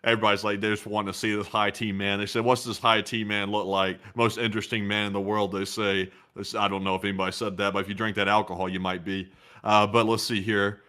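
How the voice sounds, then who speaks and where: A man co-hosts a livestream with casual, rambling chat. His voice sits fairly low but has a bright, forceful edge, and he keeps things jokey. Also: little pitch movement, quick pace. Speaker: live stream co-host.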